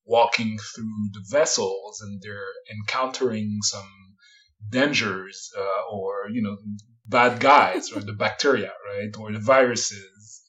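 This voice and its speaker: A man's voice: on the low side, steady tone, slow pace, a bit bright. Guy, researcher on a podcast, kinda hesitant, lots of uh and you know, slightly dull audio. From France, Paris area. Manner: thoughtful, hesitant, many fillers, laughs lightly. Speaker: immunology researcher, guest. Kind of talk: casual interview talk.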